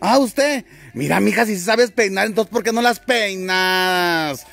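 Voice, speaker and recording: A man hosts a casual livestream from outdoors in a small town. His voice sits fairly high for a man. He chats jovially, greeting viewers by name and teasing the people around him. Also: normal speed, gravelly, slightly rough. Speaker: vlogger and livestream host.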